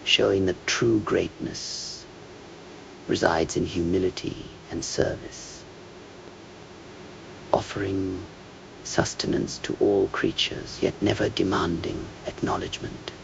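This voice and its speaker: Very slow and low, a man's gravelly voice delivers a scripted monologue like a quiet meditation, keeping a steady tone. Each measured, contemplative phrase tends to trail off toward a whisper. The recording is muffled, and a faint low noise lies beneath it.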